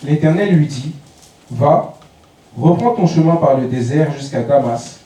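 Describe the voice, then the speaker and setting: A man with a very dark, mellow voice reads scripture steadily. He is heard from a distance, and his voice rings around a church. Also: on the high side, unhurried. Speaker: scripture reader. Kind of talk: reading scripture aloud. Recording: very echoey church hall, distant mic.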